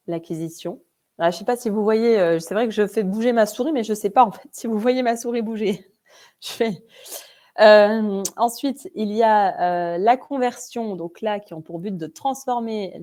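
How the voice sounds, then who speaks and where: A woman's voice: mid-range voice, mellow. A woman with a Vosges accent presenting an online training webinar, talking informally with many fillers and restarts. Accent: Vosges French. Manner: informal, chatty asides.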